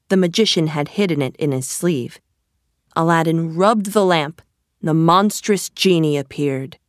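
Slow, low-voiced woman reading a storybook. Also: dry recording, clean studio sound. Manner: slow, clear and measured. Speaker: narrator. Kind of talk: storybook read-aloud.

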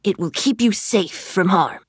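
A woman voicing a scheming, greedy male magician in a storybook reading, drawing out her words in a hushed, breathy, coaxing tone. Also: high-pitched, no room sound, clean studio sound. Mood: sly coaxing. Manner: slow, drawn-out, honeyed coaxing. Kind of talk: storybook read-aloud.

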